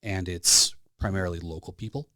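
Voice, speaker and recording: A plain-spoken Albertan man in his fifties with a Canadian accent, a flight service specialist, tells stories casually as a podcast guest in a studio. His voice sits low with a steady tone and a fairly quick pace. It sounds pushed and bright, with no echo.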